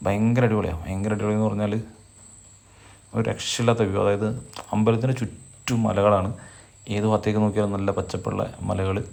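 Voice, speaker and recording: A Malayali man from Kerala narrates a travel vlog casually, explaining things with some repetition. His voice is lowish and quite gravelly, with very little melody, and he talks at a fast clip. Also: little pitch movement, a little mellow. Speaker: travel vlogger.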